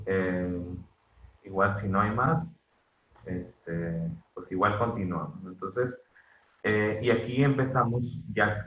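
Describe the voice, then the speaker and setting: A man from northwestern Mexico teaches an online university class in a lowish voice, full of fillers and restarts as he checks in with students. His voice sounds dull and lo-fi, in a roomy, echoing space. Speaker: university lecturer. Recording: dull echoey lo-fi room sound.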